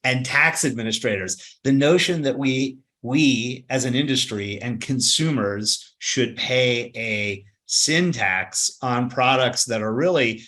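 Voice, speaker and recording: Pushed and bright at a medium pitch, this man's voice answers interview questions as a company executive guest. He's emphatic, repeating words and frequently closing his points with "right?"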